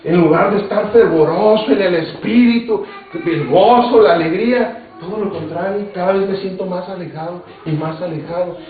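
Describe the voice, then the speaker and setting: A man's voice: high-pitched, normal speed. A man preaching a sermon who repeats his phrases for emphasis and reads scripture aloud. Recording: tinny, very echoey, distant mic, faint noise.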